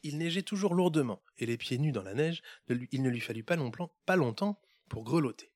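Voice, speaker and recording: A man's voice: mid-range voice, expressive, fairly quick, darkish tone. A man hosting a podcast who narrates a Christmas storybook tale in a playful way, with running gags. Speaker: podcast host.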